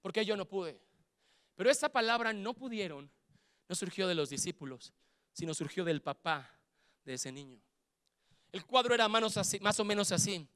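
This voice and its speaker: A man with a Mexican Spanish accent preaching a sermon as pastor, fervent, building to shouts and acting out quoted voices. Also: high-pitched, expressive, moderate pace, long pauses, clear, resonant tone, dry recording, studio quality.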